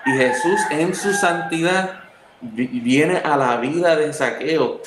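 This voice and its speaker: Heavy background noise and room echo surround a man whose fairly high voice moves at a slow pace. A youth talk co-host with a Puerto Rican Spanish accent, he keeps the spiritual conversation casual, animatedly voicing the characters in his stories.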